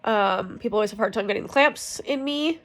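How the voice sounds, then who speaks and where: Speaking fast at a medium pitch, a young vlogger rambles through a personal story while suffering from cramps. She's casual and frank, her talk packed with filler words and curses.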